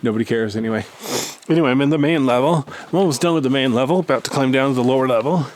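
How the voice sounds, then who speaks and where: A man talks his way casually through a cave, with clicks and clear noise around his voice. He rambles in an ordinary mid-pitched voice with dry, wry humor, and the cave gives it an echo. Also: racing, a little mellow. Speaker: cave explorer filming himself. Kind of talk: casual narrated exploration vlog. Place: inside a rocky cave.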